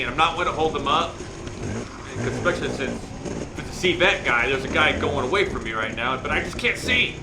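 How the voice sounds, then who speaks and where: Male motovlogger, chatty and self-deprecating race commentary, fry in the voice, recorded roomy with clear vehicle noise. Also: medium pitch. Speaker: motovlogger and amateur dirt bike racer. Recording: roomy echo, loud engine and ambient noise.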